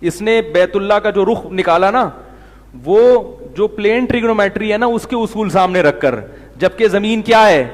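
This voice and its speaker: A man's voice: sits high, big-room sound. A man preaching a conversational sermon in Urdu with a Pakistani accent, telling anecdotes and acting out what people said. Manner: storytelling, acts out quotes with shifting voices. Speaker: Islamic preacher.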